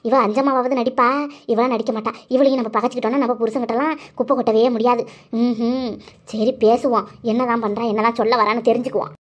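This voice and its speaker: A woman's voice: fairly high pitch, steady tone, fast, lightly acted. A woman voicing a petty, whining younger aunt in a cartoon. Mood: plotting. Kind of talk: cartoon voice acting.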